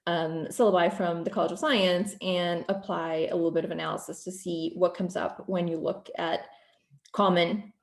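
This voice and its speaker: Portuguese-born woman giving a talk on a video call, lowish voice, roomy echo, lots of ums. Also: steady tone, moderate pace. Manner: fluent, careful, with many ums and restarts. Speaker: guest speaker, program coordinator. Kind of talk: presentation over video call.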